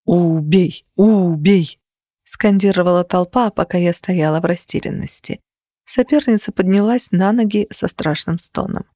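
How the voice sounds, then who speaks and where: A woman narrating a first-person fantasy audiobook in an expressive, dryly ironic way. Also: medium pitch, normal speed, no room sound, clean studio sound.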